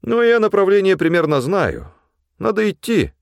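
A man voicing a stubborn, rough-spoken male guide who barks orders over a storm. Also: sits high, huge pitch swings, normal speed, no echo, clean studio sound, voice pushed up, full character voice. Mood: brash. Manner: coarse, bossy, shouting over wind.

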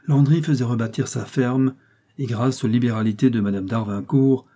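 Husky, mellow-voiced male narrator. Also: medium pitch. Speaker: audiobook narrator. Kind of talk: scripted narration of a classic story.

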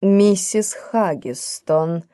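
A woman reading a stern, angry old father in an audiobook, speaking in a slow, stiff and formal way. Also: lowish voice, lively intonation, mellow, no echo, clean studio sound.

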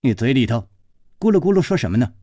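A man voicing a sharp-tongued, suspicious young married woman in a traditional storytelling performance, speaking in a cold, low, mocking tone. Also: sing-song, quick pace, dry recording, studio quality. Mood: teasing.

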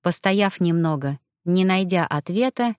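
A woman reading a first-person fiction audiobook in an even, lightly dramatized storytelling manner. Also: fairly low pitch, unhurried, smooth, dry recording, clean studio sound. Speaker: audiobook narrator.

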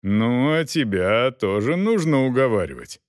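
A man doing a gruff, mocking knight. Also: medium pitch, very animated, measured pace, no echo, clean studio sound. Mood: commanding. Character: gruff, mocking knight, weary after a long ride.

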